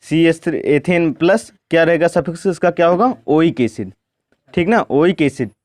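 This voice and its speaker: A man teaching chemistry at a board, speaking slowly and asking questions he then answers himself. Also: fairly high pitch, darkish tone, no room sound. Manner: asks questions and answers them himself, repeats "ठीक ना". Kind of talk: board lesson, step by step.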